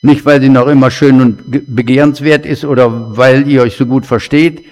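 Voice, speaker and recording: A man preaching a sermon in a slow, conversational way, with chatty asides to the congregation. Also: medium pitch, steady tone, a little mellow. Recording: long hall reverb.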